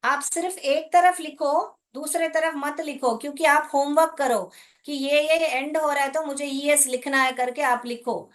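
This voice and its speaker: A woman's voice: sits high, steady tone, normal speed. A young Indian woman teaching an English grammar class online, explaining patiently in a mix of Hindi and English and calling the pupils "beta".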